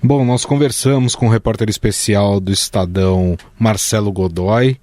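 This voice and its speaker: A man from Brazil hosting a news podcast, thanking his guest and reading the credits in a polite, brisk way. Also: lowish voice, mellow, dry recording. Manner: polite, brisk announcer delivery. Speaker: podcast host.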